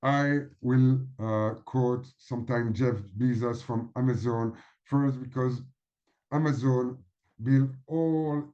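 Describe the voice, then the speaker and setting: A man in his thirties with a French accent, presenting a business webinar and pausing to search for words. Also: mid-range voice, fairly even intonation, warm tone, dull audio. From Belgium.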